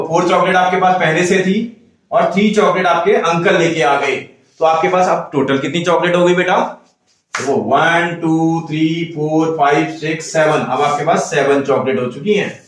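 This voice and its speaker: A man's voice: fairly high pitch, fairly bright tone, far from the mic. A man teaching a maths lesson, patiently counting aloud and talking to the student as if to a child. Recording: echoey room, voice away from the mic.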